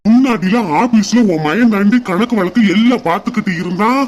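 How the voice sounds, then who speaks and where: A man's voice: sits high, fairly quick, slight background noise. A man voicing a scolding father in a cartoon comedy dub. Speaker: cartoon voice artist. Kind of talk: Tamil cartoon comedy dubbing.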